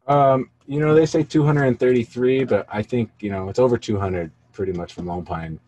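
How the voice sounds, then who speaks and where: A man's voice: medium pitch, fairly quick, mellow, poor audio. A man in his thirties, a community organizer, talking earnestly and a bit rambling on a video call. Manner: earnest, rambling, many fillers. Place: indoor room, studio gear behind.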